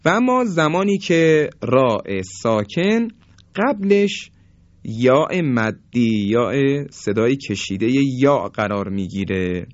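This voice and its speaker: A man teaches a tajweed lesson in a lively, rising and falling voice, drawing each example word out slowly. The sound is dry and a little muffled, like a lo-fi recording. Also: medium pitch, no echo. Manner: drawn-out demonstrations of sounds. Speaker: Quran recitation teacher.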